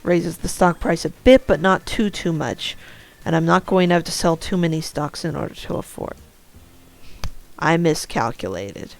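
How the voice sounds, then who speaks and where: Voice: medium pitch, animated, normal speed, gravelly. A streamer giving casual commentary over a board game, talking to themselves with muttered asides. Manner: talks to self about the game, muttered asides.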